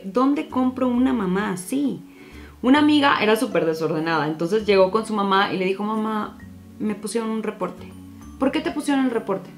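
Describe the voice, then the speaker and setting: Animated woman, former teacher. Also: on the high side. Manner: animated storytelling, acting out dialogue with children. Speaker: former teacher giving advice to parents. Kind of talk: casual vlog monologue.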